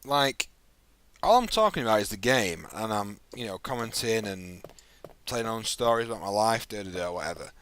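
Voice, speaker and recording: A man's voice: fairly low pitch, lively intonation, normal speed, a bit bright, slight background noise. Man, thirties, sleepy, rambling, laid-back chat, faint clicking behind. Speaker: gaming streamer. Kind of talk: casual chat while playing a video game live.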